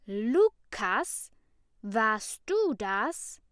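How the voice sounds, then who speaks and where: A woman voicing a bossy, angry little schoolgirl who shouts and hisses accusations. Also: fairly high pitch, big pitch swings, drawn-out words, clean tone, no echo, studio quality, full character voice. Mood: angry shouting.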